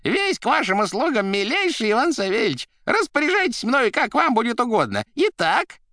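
A man voicing a fawning, shrill male trickster who rattles off his words over the phone. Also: huge pitch swings, normal speed, sharp tone, no room sound, studio quality, heavily acted. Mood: gushing. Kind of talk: audiobook character voice.

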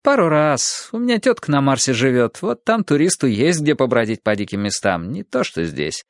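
A man's voice: mid-range voice, big pitch swings, moderate pace, no echo, clean studio sound. A man voicing a cheerful young woman from the future in an audiobook, speaking in a breezy, matter-of-fact way.

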